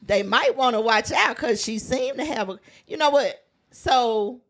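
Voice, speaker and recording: A woman co-hosting a podcast in casual chat, relaxed and laid-back. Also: on the high side, measured pace. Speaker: podcast co-host.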